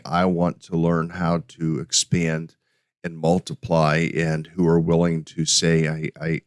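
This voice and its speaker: Middle-aged man, low voice, dry close sound, hesitant podcast host with frequent restarts. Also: no room sound. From United States. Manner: hesitant, many restarts and fillers. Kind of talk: casual solo podcast with slides.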